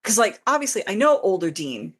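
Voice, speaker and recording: In a husky, sing-song voice of medium pitch, a fan fiction author talks fairly quickly as an interview guest. She explains her writing process casually and in detail, rambling informally and frequently breaking off her own sentences.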